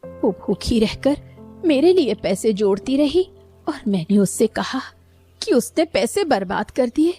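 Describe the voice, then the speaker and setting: A woman voicing a weary middle-aged mother in an animated story, emotional and tearful. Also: a little high, a little slow, husky, soft background music, heavily acted. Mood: remorseful. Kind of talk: Hindi cartoon voice acting.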